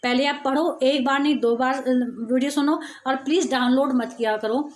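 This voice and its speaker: High-voiced woman teaching at a slow pace. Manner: explains slowly and repeats key terms, stretching words. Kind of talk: exam-prep lecture.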